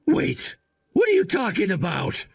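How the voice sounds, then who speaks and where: A man's voice: sits high, wildly swooping pitch, unhurried, gravelly, breathy edge, full character voice. A man playing a disgraced, self-pitying husband in a dramatized story, whiny, defensive and desperate. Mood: panicked.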